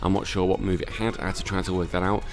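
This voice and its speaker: Tired, low-voiced man rambling over gameplay. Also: little pitch movement, quick pace, music in the background. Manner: rambling, self-correcting, many fillers. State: tired and recovering from illness. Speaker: Pokemon battle commentator. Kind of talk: casual gameplay commentary.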